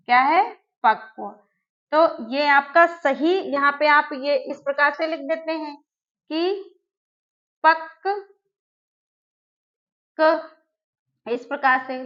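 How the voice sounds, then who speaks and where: A woman teaching an exam-prep spelling lesson, who asks her class questions and then answers them herself, repeating each word slowly. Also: high voice, a bit bright, lo-fi sound. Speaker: Hindi teacher.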